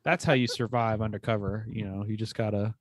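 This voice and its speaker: A man's voice: lowish voice, fairly even intonation, a little fast, no room sound. A man joining a casual TV review chat, wry and explanatory, making his points with dry humor. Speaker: co-host guest.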